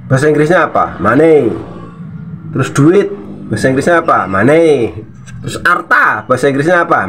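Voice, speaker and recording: A man's voice: on the high side, fairly bright tone, a little hiss or hum. A man hosting a reaction video, scolding and mocking in casual commentary with frequent laughs.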